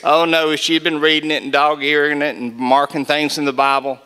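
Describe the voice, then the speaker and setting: A man's voice: on the high side, little pitch movement, a little fast, bright, forceful tone, clear, resonant tone. A man giving a folksy testimony talk to a gathering, telling a story and acting out the voices in it. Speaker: Gideons speaker.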